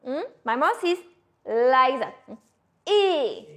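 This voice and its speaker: A woman teaching a beginner lesson, pronouncing words slowly and clearly, with playful asides. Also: high-pitched, very animated. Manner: slow, exaggerated pronunciation with playful asides. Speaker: French teacher. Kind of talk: language lesson mixing French and English.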